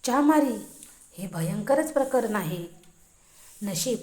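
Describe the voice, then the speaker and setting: A woman's voice: on the high side, expressive, slow pace, a little mellow. Woman playing a teasing young man.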